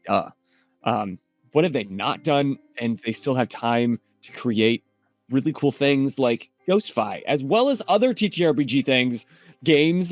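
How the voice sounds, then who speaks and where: A man's voice: medium pitch, no room sound. A man hosting a podcast in casual chat, chatty and upbeat as he hypes up a guest. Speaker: podcast host.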